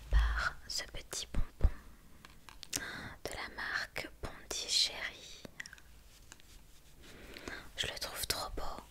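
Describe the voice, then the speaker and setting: A young woman whispers closely in a breathy voice, chatting intimately and unscripted to one listener in an ASMR style. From France. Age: young adult. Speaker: ASMR creator and vlogger. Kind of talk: whispered ASMR casual chat.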